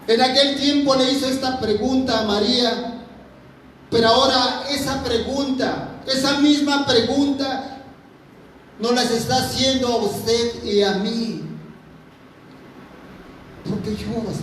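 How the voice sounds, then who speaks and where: A man's voice: very high voice, fairly bright tone, slight background noise. A man preaching a fervent sermon to a congregation, repeating his phrases as he addresses them. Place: church. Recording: very echoey hall, mic from far off.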